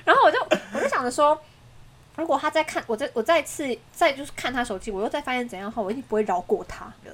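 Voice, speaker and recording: A woman podcast co-host, telling a story in casual chat with dramatic, animated delivery. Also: high-pitched, fast.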